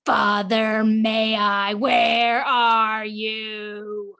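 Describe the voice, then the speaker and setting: Slow, menacing demonic voice of a possessed woman played by an actress for comic audio drama. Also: on the high side, level tone, bright, forceful tone, clear, resonant tone, full character voice. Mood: vengeful. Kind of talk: comedic audio play acting.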